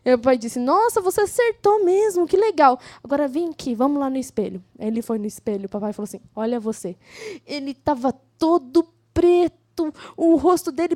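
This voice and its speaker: A woman's voice: high voice, dry recording. A woman telling a children's story at a church service, acting out the voices of the characters. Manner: animated, acts out the characters' voices. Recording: live church service, dry sound.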